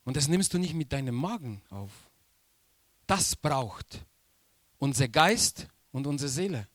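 A man preaching a sermon slowly and emphatically, repeating key phrases for weight. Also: medium pitch, animated, fairly bright tone, no echo.

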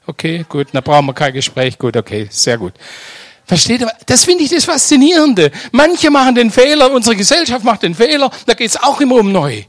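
An older man preaching a sermon, swinging between loud emphatic exclamations and soft hushed lines, often asking the congregation direct questions. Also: very high-pitched, sing-song, brisk, no echo, studio quality.

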